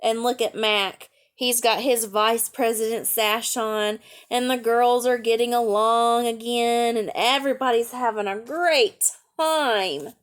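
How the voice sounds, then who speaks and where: With a voice on the high side and fairly even intonation, she reads a little slowly and pauses rarely. She is a storytime reader and teacher sharing a picture book with young kids, adding casual asides, easy explanations and questions.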